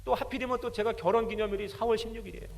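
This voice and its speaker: A male pastor preaches in a fast, impassioned rush, his voice high and bright. It climbs into shouting as the story builds, and a long reverb from a large hall trails every phrase. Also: fairly even intonation, creaky. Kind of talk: sermon. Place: large prayer retreat hall.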